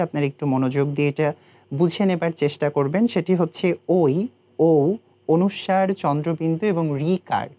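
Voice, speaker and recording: A man from Bangladesh teaching pronunciation in a recitation lesson, speaking in a measured way and slowing down to spell out example words. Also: a little high, darkish tone.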